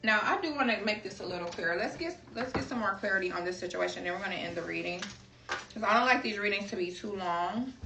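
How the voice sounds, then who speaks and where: A woman's voice: medium pitch, lively intonation, quick pace, vocal fry, noisy background. Chatty woman in an echoey room. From Chicago, USA. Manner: chatty, drifts into personal stories, keeps calling viewers y'all. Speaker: tarot card reader. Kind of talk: casual tarot reading to viewers. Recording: echoey room, voice a bit far from the mic.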